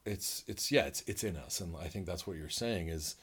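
This North American podcast co-host chats casually, rambling and excited, filling his speech with fillers. His husky voice sits low, and he keeps a moderate pace.

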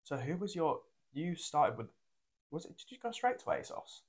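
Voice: mid-range voice, sing-song, normal speed, breathy edge. Young podcast host with Durham accent. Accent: Durham, North East English. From Durham, England. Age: young adult. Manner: informal, loosely phrased questions. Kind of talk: casual chat interview. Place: living room.

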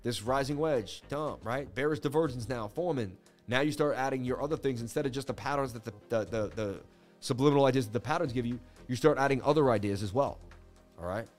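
A man's voice: medium pitch, a little fast, faint music behind. A man hosting a crypto trading channel, giving casual screen-share market commentary in a slangy, boastful way with repeated catchphrases.

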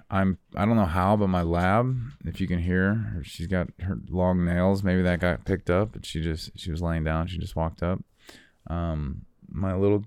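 A young American man talking in an unscripted, reflective monologue, rambling and halting as he repeats his words. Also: sits low, darkish tone, clear, resonant tone, no room sound, clean studio sound.

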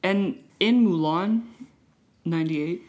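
A woman co-hosting a casual film chat, animated and opinionated, often talking over her co-host. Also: fairly low pitch, slow pace.

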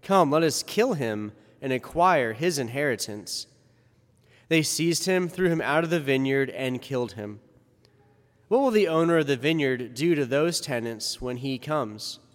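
A man's voice: medium pitch, animated, measured pace. A male priest reads the gospel and then preaches a casual, conversational homily with asides, heard in a long cathedral-like echo. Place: large church. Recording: long reverb of a big church.

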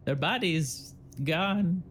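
A man's voice: a little high, very slow, fairly bright tone, slight background noise, pitched above the performer's own voice. A man voicing a timid, frightened male goblin who stammers and pleads in a tabletop role-play. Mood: fearful.

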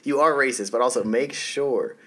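A man's voice: medium pitch, normal speed, bright, forceful tone. A man appearing as a guest on a casual podcast, teasing with dry, playful humor.

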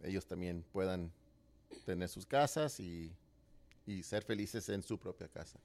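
A man's voice: low voice, expressive, unhurried, darkish tone. A man in his thirties, born in Mexico, chatting casually on a podcast with many fillers and hesitations. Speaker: podcast co-host. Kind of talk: casual conversation.

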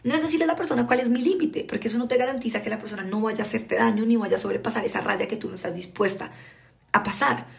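A woman's voice: on the high side, fast talker, gravelly. A woman, frankly giving relationship advice in a casual monologue full of slang and acted-out quotes. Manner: frank, conversational, acts out quoted voices; uses slang and swears freely.

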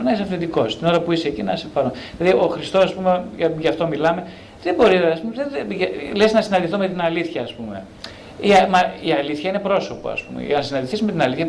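Animated, high-voiced male psychotherapist. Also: a little hiss or hum. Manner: animated, asks himself rhetorical questions, very colloquial. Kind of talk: talk on self-knowledge.

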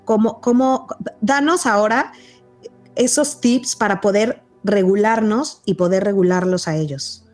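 A woman hosting a podcast, telling lively personal stories and reacting quickly. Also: medium pitch, soft background music. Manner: chatty, animated anecdotes, quick reactions. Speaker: podcast host. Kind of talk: casual podcast conversation.

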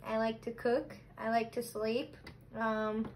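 A young Latvian woman co-hosting a chatty podcast, taking her time with each phrase. Her voice sits a little high, and she giggles through playful back-and-forth. A faint hiss runs under the recording. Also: level tone, takes it slowly, a little mellow. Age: 20s. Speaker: podcast co-host. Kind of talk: casual chat.

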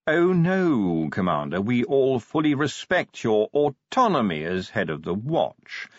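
A man voicing a calculating older city ruler who speaks smoothly, measured and politely evasive. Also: mid-range voice, very animated, no room sound. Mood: suave. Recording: dry, slightly dull audiobook recording.

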